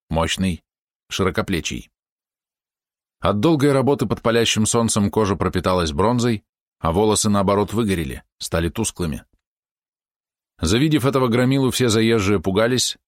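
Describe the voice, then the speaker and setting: A man narrating an audiobook in a measured, expressive storytelling manner. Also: on the low side, no room sound, clean studio sound. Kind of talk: scripted narration.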